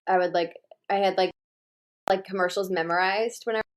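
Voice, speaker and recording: Chatting casually on her livestream, a woman host rambles and says "like" a lot. She speaks at a normal speed in a medium-pitched, steady voice.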